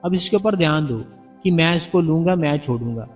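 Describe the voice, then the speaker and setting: Guy giving a devotional talk, kinda high voice, sounds a bit far from the mic, soft music behind. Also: animated, fairly quick. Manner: earnest, repetitive, coaxing explanations. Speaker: spiritual narrator addressing the congregation. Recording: distant mic with background music.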